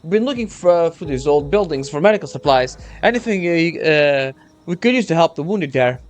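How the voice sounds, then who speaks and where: A man voicing a frightened, pleading soldier in a game story, earnest and halting. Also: on the high side, expressive, close to an everyday voice. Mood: earnest, worried. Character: Mikhail, pleading, frightened male wounded-army soldier. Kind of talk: game story read aloud.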